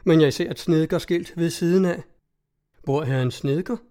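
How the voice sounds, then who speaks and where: A man's voice: fairly high pitch, dark tone, close to an everyday voice. A man reading the part of an eager young carpenter turned rich, pleading his case in a storybook.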